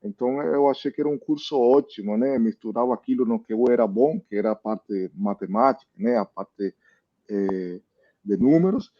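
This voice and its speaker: A Cuban meteorologist with a Cuban Spanish accent speaks Portuguese as a guest in a casual interview, sounding thoughtful and tagging many sentences with "né?" His mid-range voice moves at a moderate pace, and the sound is lo-fi.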